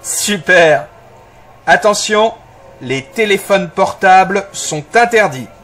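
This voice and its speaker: A man playing an upbeat escape game guide in an audio story for language learners, articulating deliberately. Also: high voice, lively intonation, fairly bright tone, faint music behind, exaggerated voice. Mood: enthusiastic, instructive. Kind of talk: slow, clear language-learner audiobook dialogue.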